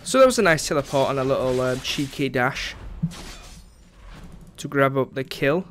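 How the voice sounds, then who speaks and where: A man's voice: medium pitch, lively intonation, moderate pace, fairly bright tone, soft background music. A young man giving casual, chatty commentary over his own gameplay, sarcastic about his teammates and dropping frequent ums.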